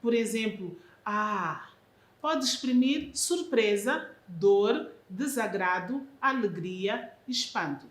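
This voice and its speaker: A woman reads a recorded lesson as a teacher, in a slow, careful classroom delivery. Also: mid-range voice, lively intonation, reverberant.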